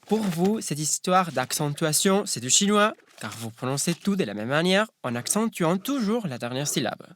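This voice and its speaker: A man's voice: on the high side, sing-song, moderate pace, a bit bright, a little hiss or hum. A man from Spain whose first language is Spanish, giving a wry, teasing scripted narration.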